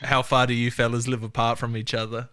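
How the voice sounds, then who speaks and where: An Australian man hosting a podcast, chatting in a relaxed way with laid-back slang. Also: medium pitch, brisk, clear, resonant tone, dry recording, clean studio sound. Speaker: podcast host. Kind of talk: casual interview chat.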